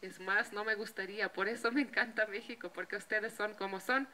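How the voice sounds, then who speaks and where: A woman's voice: medium pitch, fairly even intonation, fairly quick, sharp tone, low-quality recording. A young woman from Slovenia with a Slovenian accent, chatting casually to camera, filling her talk with little tag questions. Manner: chatty, lots of fillers. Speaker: vlogger.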